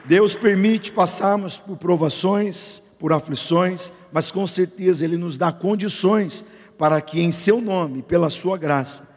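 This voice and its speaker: A man's voice: high-pitched, a little slow. A man preaching and leading prayer as a pastor, urging the congregation with fervent, repetitive exhortation. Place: church sanctuary. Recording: long church-hall reverb with faint music.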